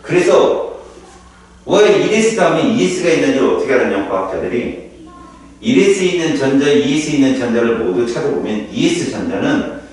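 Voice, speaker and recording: A man tutoring a student in chemistry in an informal one-on-one session, explaining lively with rhetorical questions. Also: mid-range voice, brisk. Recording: echoey room, heard from a distance.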